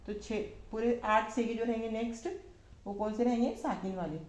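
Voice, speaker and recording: A woman teaching Arabic verb forms to a class of women, asking questions and answering them herself, repeating each form slowly. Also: fairly high pitch, fairly even intonation, a little mellow, echoey room. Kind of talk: slow classroom lesson.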